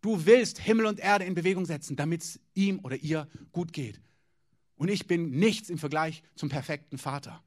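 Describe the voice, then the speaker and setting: Male pastor, high voice, direct conversational sermon delivery. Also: normal speed. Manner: direct, informal preaching with questions to the congregation.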